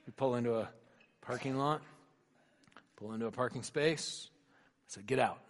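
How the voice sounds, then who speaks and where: A man's voice: medium pitch, measured pace. A middle-aged man preaching a sermon as a pastor, telling a family story and acting out the voices in it. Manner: storytelling, acts out voices in quotes. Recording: hall reverb.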